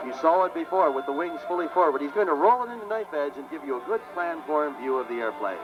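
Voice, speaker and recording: High-voiced American airshow commentator man, lo-fi. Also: expressive, fast talker. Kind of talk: airshow commentary over PA, scripted and technical. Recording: dull lo-fi outdoor PA, music behind.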